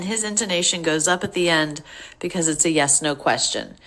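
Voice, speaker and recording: A woman teaching an English pronunciation lesson, repeating words slowly and carefully. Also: deep voice, fairly bright tone.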